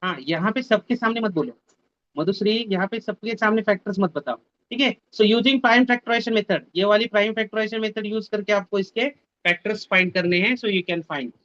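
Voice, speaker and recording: A man's voice: sits high, a little fast, fairly bright tone, no echo, highs cut off. A man teaching a math lesson in an online class, mixing Hindi and English and repeating his instructions. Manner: mixes Hindi and English, repeats instructions, scolds students to mute mics. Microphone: video call.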